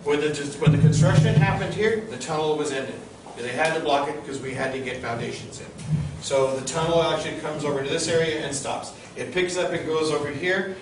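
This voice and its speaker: A man's voice: fairly high pitch, a little fast, few pauses. Echoey, distant man guiding a tour. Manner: conversational, asks listeners questions. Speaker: campus tour guide. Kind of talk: informal guided-tour storytelling to a group. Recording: distant, very echoey, noisy group-tour recording.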